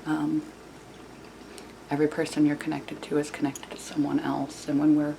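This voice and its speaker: A woman speaking quietly in a hushed near-whisper, as if someone is asleep nearby, giving casual self-help advice in a halting, repetitive way. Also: deep voice, monotone. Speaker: video channel host. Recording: clearly noisy room recording.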